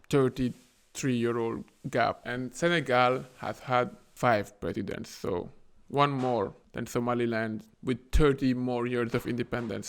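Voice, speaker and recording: A man's voice: mid-range voice, vocal fry. A man giving casual, irreverent commentary in a vlog, often swearing and acting out the people he quotes. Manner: irreverent and profane, acts out quoted voices. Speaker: video host.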